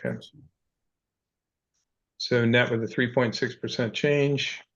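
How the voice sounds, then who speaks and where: A man's voice: mid-range voice, slow, a bit bright, dull audio. A man chairing a town budget meeting over a conference call line that breaks up, talking with a hesitant manner and many fillers. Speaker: board chair. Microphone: speakerphone on a call.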